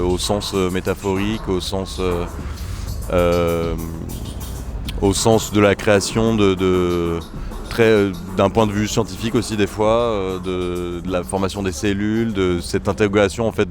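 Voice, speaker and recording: Deep-voiced young man, hesitant. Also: steady tone, normal speed. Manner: hesitant, many fillers. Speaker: trombonist and bandleader. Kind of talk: casual interview. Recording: music faintly behind.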